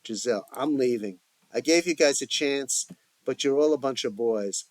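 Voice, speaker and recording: A man's voice: medium pitch, normal speed, darkish tone, no room sound, close to an everyday voice. A man voicing a fed-up exasperated mother. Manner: exasperated, complaining.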